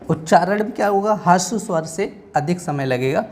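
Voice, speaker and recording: A man's voice: high voice, expressive, normal speed, darkish tone. A male teacher with a northern Indian Hindi accent, giving a classroom lecture and often quizzing listeners with rhetorical questions.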